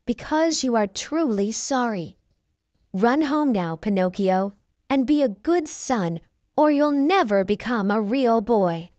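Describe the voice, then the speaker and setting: A woman voicing a serene magical fairy in a storybook read-aloud, speaking slowly and softly. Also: on the high side, lively intonation, dry recording, highs cut off. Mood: kind. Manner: slow soft measured speech.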